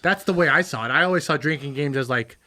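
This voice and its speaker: A man's voice: on the high side, fast, pushed and bright. A man co-hosting a podcast, chatting casually and telling stories with a straight face. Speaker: podcast host. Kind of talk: casual chat.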